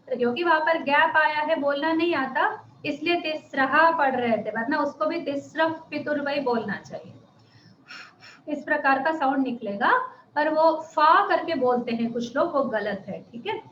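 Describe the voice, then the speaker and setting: A woman's voice: high voice, fairly bright tone, roomy sound, dull audio, a little hiss or hum. A woman teaching a Sanskrit class online, explaining patiently and often checking that students follow. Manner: patient, explains slowly, often asks "ठीक है?".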